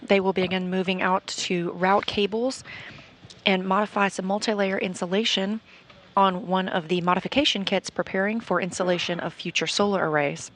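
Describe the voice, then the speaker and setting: A woman's voice: mid-range voice, steady tone, moderate pace, fairly bright tone. A woman as a mission control commentator, explaining an ongoing space operation in broadcast commentary style. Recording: faint background noise.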